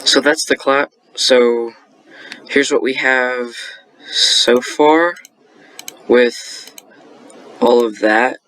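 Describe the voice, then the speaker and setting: A man's voice: medium pitch, very slow, long pauses, fairly bright tone, slight background noise. A young man casually explaining how he made a beat, rambling with lots of fillers and self-corrections. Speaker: beat-making tutorial host. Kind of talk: casual screen-recorded tutorial.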